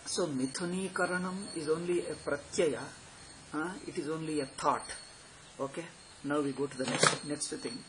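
A man's voice: on the high side, steady tone, normal speed, fairly bright tone. A man in his sixties with a South Indian accent, giving an informal spiritual lecture in a didactic, repetitive, questioning manner. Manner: didactic, repeats phrases and poses questions. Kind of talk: informal explanatory lecture on scripture with Sanskrit terms. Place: small plain room indoors. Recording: noisy amateur home recording.

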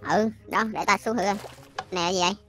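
A woman co-playing a game video, trading quick teasing banter. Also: mid-range voice, fairly even intonation, sharp tone, soft background music. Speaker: co-player. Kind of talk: playful game role-play chat.

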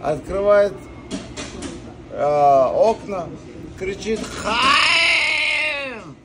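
A man in his thirties telling an anecdote informally, haltingly and with repeated phrases, at a café table. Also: high voice, expressive, heavy background noise. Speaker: guest joke-teller.

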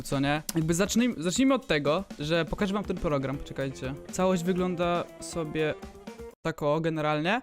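A young man giving casual gaming commentary, excitable, swearing and laughing often. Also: high voice. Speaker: gaming youtuber.

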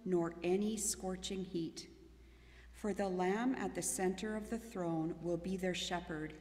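A woman leading a responsive psalm and reading scripture aloud in a church service, in a measured way. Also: lowish voice, darkish tone. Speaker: scripture reader. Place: church sanctuary. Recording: echoey church hall reverb.

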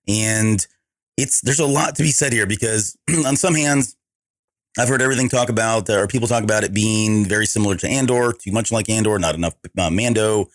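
Hoarse male podcast host, lowish voice, dry close mic, casual rambling chat. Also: brisk, no room sound. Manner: rambling, self-correcting, relaxed. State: hoarse from allergies.

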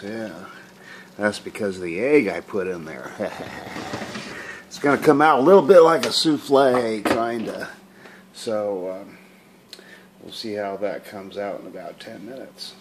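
Home cook, male, very unhurried and folksy, narrating his own kitchen video. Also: on the low side, heavy background noise. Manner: rambling, folksy, many fillers. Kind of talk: casual cooking narration.

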